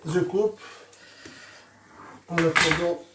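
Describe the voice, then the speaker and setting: In a roomy kitchen, a little away from the mic, a man with a Moroccan accent hosts a cooking vlog. His voice is high for a man, and he talks in a chatty, jokey way, addressing viewers as his friends. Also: drawn-out words, fairly bright tone. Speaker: host, home cook presenting a recipe. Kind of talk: casual cooking vlog chat. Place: indoors in a home kitchen. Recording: roomy, distant mic, faint noise.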